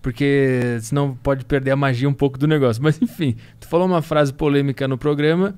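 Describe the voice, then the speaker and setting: A man's voice: mid-range voice, fairly even intonation, brisk, a little mellow, clear, resonant tone. A man, hosting a podcast and asking questions in a casual, laughing way. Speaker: podcast host. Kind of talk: casual interview talk.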